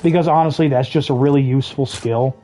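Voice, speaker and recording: A game streamer chatting casually over gameplay, explaining mechanics with dry jokey asides, throat a bit rough with the odd cough. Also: medium pitch, steady tone, quick pace, mellow, soft background music. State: throat trouble, occasional coughing.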